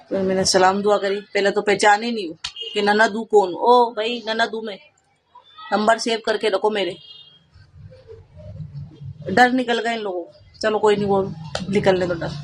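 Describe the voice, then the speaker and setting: A woman's voice: medium pitch, rough recording. Indian woman vlogger, aggrieved storyteller, faint hiss behind. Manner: animated, aggrieved venting with quoted dialogue. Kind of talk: casual storytelling vlog.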